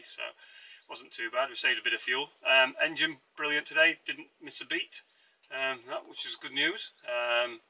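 A middle-aged man chatting casually on a sailboat deck, easygoing and often pausing on ums. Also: medium pitch, bright, forceful tone, no echo, poor audio. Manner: easygoing, hesitant with many ums. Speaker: sailing vlogger. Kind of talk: casual chat.

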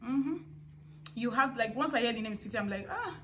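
A young woman with a Nigerian accent chats briskly to camera in a slightly high voice with lively intonation. As a vlogger, she answers questions casually and throws in informal asides. She's indoors in a family home's living room, where household noises come through clearly.

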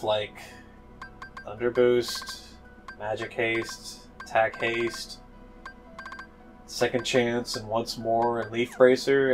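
A man talking through his gameplay at an unhurried pace, with an easygoing, offhand delivery. He jokes around and swears casually as he plays. Faint game music runs underneath. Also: medium pitch, darkish tone. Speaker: let's play host.

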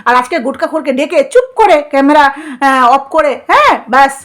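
A woman's voice: sits high, big pitch swings, fast talker, fairly bright tone. A woman vlogger, delivering scolding, mocking commentary full of rhetorical questions. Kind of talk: commentary vlog.

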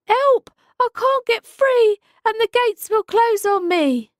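Woman doing a squeaky little girl fish. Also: slow pace, a little mellow, no room sound, clean studio sound. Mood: panicked. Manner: high, squeaky and breathless.

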